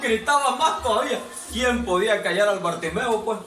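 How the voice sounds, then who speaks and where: A man preaching a sermon to his congregation, exhorting and asking them questions, his voice rising to shouts. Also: high voice, expressive, moderate pace, a little hiss or hum. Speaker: pastor. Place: church hall. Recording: echoey hall, mic far off.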